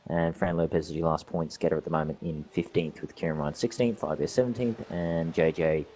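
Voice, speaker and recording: Deep aussie guy calling a sim race, talks quick and rambly, faint hum behind. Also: steady tone, mellow. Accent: Australian. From Australia. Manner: chatty, laughs often, rambling asides. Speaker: sim racing commentator. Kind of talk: live race commentary.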